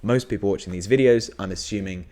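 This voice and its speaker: A British man with a somewhat low voice, talking films in a relaxed back-and-forth. He sounds enthusiastic and keeps nodding along out loud with quick agreements. His delivery is loose and conversational. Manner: enthusiastic, frequent agreeing backchannel. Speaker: film review podcast co-host. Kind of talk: casual chat.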